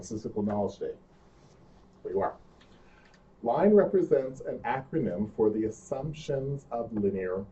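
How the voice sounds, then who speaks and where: A man's voice: on the low side, dark tone. A man leads a seminar in a playful, quizzing manner, tossing questions at the room. He sounds distant and a little muffled, picked up from across the room. Faint hiss sits under his voice. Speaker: seminar presenter. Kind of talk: interactive classroom lecture.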